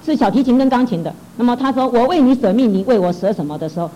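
An earnest middle-aged woman tells her church testimony at a rapid clip. Her voice sits a little high, with a mellow, dark tone, and she restarts her phrases often as the feeling carries her. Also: animated, highs cut off. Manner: earnest, emotional storytelling with many restarts. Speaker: church worker giving testimony. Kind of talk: personal testimony.

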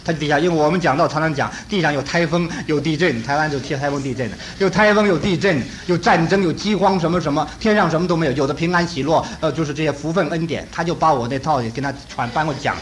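A man preaching and telling a story in an animated way, acting out the dialogue. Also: a little high, a little hiss or hum, low-quality recording. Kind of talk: sermon storytelling.

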